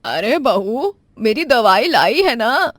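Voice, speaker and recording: A woman voicing a stern, suspicious middle-aged mother-in-law who questions and scolds slowly. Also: a little high, sing-song, no echo, voice pushed up, full character voice.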